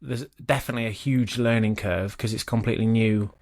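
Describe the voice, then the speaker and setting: A man co-hosts a podcast in a casual, conversational way, sometimes reading a book aloud. His voice sits fairly low, and his speech is full of restarts and small asides. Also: steady tone, a little mellow. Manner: chatty, self-correcting, pauses to comment. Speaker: podcast co-host.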